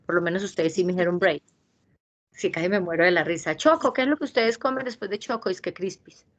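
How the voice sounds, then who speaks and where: A woman teaching an English class, patiently repeating verb forms slowly. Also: on the low side.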